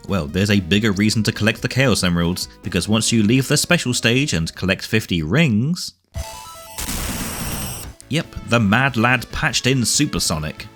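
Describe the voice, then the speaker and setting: A man's voice: on the low side, a bit bright. A man narrating a scripted game retrospective with wry, dry asides over background music. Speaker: video game reviewer and narrator. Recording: music behind the voice.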